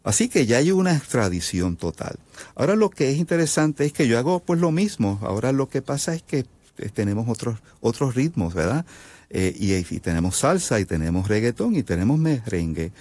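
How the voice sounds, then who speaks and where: A man's voice: mid-range voice, big pitch swings, moderate pace, darkish tone, dry recording. A man from Puerto Rico with a Puerto Rican Spanish accent, a composer guest on a radio interview, explaining at length with frequent fillers and restarts. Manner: thoughtful, many fillers and restarts.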